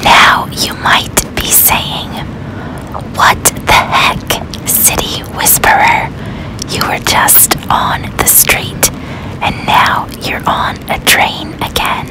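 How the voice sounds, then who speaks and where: A woman's voice: slow, low-quality recording. A woman whispering ASMR commentary with dry humor while riding a subway train. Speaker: host.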